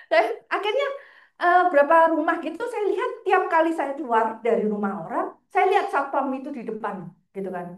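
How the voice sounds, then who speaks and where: A woman, a financial planner telling lively stories in a casual interview, often laughing. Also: sits high, moderate pace. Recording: roomy echo.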